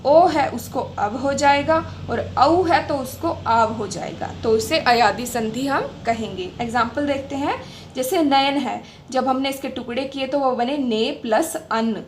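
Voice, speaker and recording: Slow, high-voiced young woman teacher. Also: slight background noise. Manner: patient, repeats sounds slowly and asks questions back. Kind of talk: explaining grammar step by step.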